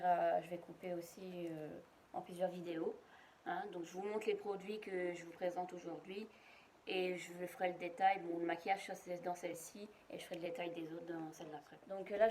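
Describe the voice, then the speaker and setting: A woman's voice: lowish voice, dark tone, slight background noise. A woman showing her shopping finds in a casual, rambling home video, full of hesitations. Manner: chatty, rambling, many hesitations. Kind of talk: casual product show-and-tell. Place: at home, indoors.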